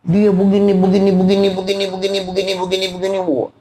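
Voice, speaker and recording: A man giving a humorous wedding sermon, telling stories in an animated way. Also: high-pitched, fast. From Medan, North Sumatra. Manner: storytelling, animated with acted-out voices. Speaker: preacher.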